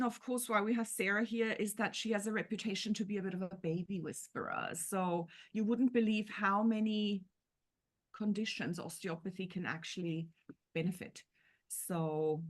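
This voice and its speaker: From a home room lined with shelves, a woman in her forties hosts an online parenting community talk over a video call. She sounds upbeat and enthusiastic, with a medium-pitched, fairly even voice at normal speed.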